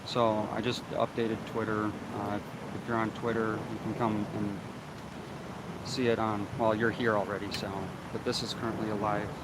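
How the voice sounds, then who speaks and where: A man reporting live as a local news streamer, halting and repetitive as he gives an unscripted on-scene update outdoors in the wind. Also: on the low side, flat delivery. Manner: halting, repeats himself. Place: outdoors on a street at an active scene. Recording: loud wind noise, outdoor vehicle ambience.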